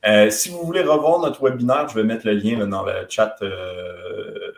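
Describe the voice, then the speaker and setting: A Quebec man with a light Québécois French accent hosts a live webinar, his fairly low, creaky voice moving at a moderate pace. He's casual and hesitant, using plenty of fillers, and the sound is roomy.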